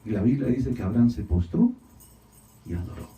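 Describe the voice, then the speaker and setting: Man, pastor, preaching, dramatic loud and hushed swings, repeats phrases, calls on the congregation, mellow tone, distant echoey hall. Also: medium pitch, big pitch swings, fairly quick. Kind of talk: sermon. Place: church hall.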